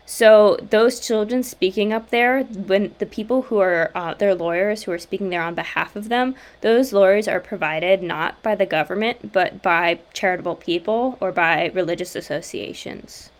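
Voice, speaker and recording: A woman's voice: medium pitch, moderate pace, hardly any pauses. A woman in a casual discussion who talks through figures with frequent "uh" and "like". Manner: talks through numbers with hesitant fillers. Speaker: discussion participant.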